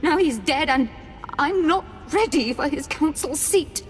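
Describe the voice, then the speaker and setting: In a video game cutscene, an actress voices an unstable young female Sith lord, wounded and bitter, whose gravelly voice swings from imperious rage to self-pity. Her voice sits high with lively intonation, a little slow, with faint music behind.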